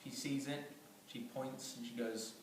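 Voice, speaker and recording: In an unhurried, medium-pitched voice with fairly even intonation, a man rambles through a comic story and chuckles at his own jokes, often restarting and using fillers. He is recorded from a distance in a very echoey room, with noise clearly heard behind him.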